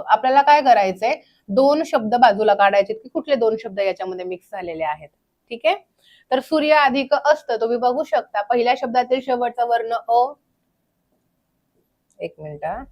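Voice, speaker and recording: A young woman teaching a grammar lecture, drilling terms slowly and asking the class questions that she then answers herself. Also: on the high side, expressive, darkish tone.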